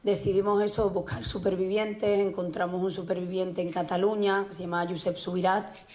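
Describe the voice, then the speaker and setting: A woman journalist giving a conference talk, speaking with many pauses and restarts. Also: lowish voice, little pitch movement, darkish tone. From Spain. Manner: hesitant, many restarts and fillers. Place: public conference hall.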